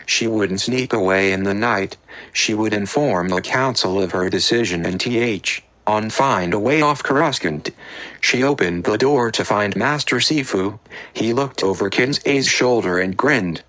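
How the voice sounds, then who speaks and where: A man narrates a fan-fiction audiobook in a steady, plain reading voice. His tone sits low but with a bright, forward edge. The recording is close and dry with no room sound. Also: a little slow, no room sound, poor audio.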